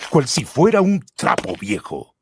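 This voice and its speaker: A man's voice: a little high, wildly swooping pitch, a little slow, very noisy. A man narrating a cartoon episode like a storyteller, adding comic asides. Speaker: storyteller, streamer.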